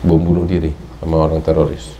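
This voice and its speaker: Man, Indonesian accent, sermon, storytelling, emphatic peaks, mellow low voice, faint background noise. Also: completely flat delivery, fast, dull audio. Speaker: religious teacher. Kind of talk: Islamic study sermon.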